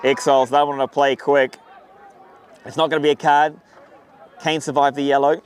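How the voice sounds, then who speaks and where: Excitable male rugby commentator outdoors. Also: fairly high pitch, normal speed, a faint crowd, a little hiss or hum. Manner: chatty, excitable, gives shout-outs to viewers. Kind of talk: live sports commentary. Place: outdoors at a sunny rugby ground.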